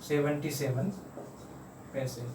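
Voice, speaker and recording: A man teaching a home math lesson to children, patiently repeating each number slowly. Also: a little high, fairly even intonation, far from the mic. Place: room at home. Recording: roomy, off-mic, faint hum.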